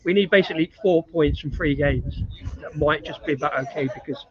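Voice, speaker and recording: A man teases his friends with dry humor in relaxed chat. His voice is a little high for a man, and it comes through dull with a busy crowd behind him. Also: a little fast. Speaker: co-host of a live stream. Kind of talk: casual chat. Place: outdoors at a farm brewery.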